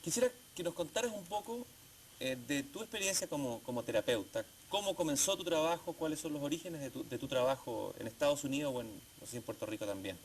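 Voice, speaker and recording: A man hosting an interview program, speaking in a measured way and stretching some phrases slowly. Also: fairly high pitch, expressive, a little hiss or hum. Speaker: TV program host.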